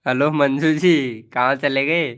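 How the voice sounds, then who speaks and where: A man's voice: fairly high pitch, steady tone, a little slow, a bit bright, smooth. A man hosting a casual live stream, playfully teasing viewers as he reads their messages. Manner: playful, teasing, chuckling often.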